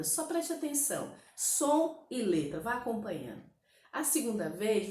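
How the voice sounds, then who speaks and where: A woman's voice: mid-range voice, a little mellow. Brazilian woman teaching in an echoey room. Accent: Brazilian Portuguese. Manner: patient step-by-step explaining with frequent "né?" and "ok?" check-ins. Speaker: English teacher. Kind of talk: online language lesson.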